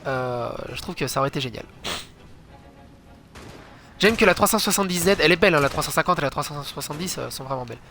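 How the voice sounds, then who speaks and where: High, bright-voiced man doing gameplay commentary. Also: fast talker, creaky, long pauses, a little hiss or hum. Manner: chatty, swears a lot, jumps into loud exclamations. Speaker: gaming channel host. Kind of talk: let's play commentary.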